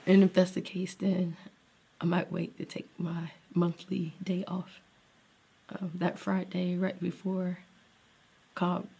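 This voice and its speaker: Sounding stuffed up from a cold, this young Southern teacher, who works in special education and vlogs, talks to the camera in a rambling, think-aloud style that sometimes sinks to a near-whisper. Her fairly low voice is mellow with vocal fry and a breathy edge.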